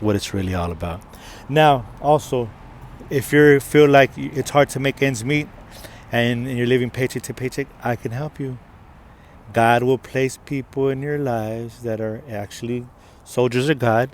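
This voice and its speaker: A man telling a story in a casual monologue. He is animated, acts out the dialogue himself and keeps saying "right?". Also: medium pitch. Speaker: motivational vlogger. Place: outdoors in the city. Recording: outdoor recording.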